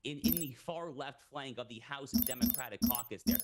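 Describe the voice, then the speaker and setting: A man's voice: medium pitch, big pitch swings, brisk, crowd noise. A man giving political commentary, arguing emphatically and with indignation.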